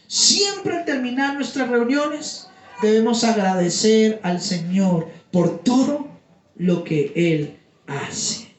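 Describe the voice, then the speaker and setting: A man preaching a teaching sermon to his congregation, explaining terms and asking them questions. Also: very high-pitched. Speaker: pastor. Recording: roomy sound from a distance.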